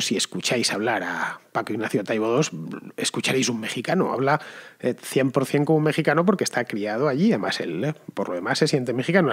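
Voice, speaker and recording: A man's voice: medium pitch, slightly rough. A man from Spain with a Spanish accent, hosting a show and answering listeners in a conversational, wandering way with frequent restarts. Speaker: podcast host. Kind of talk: casual commentary answering listeners.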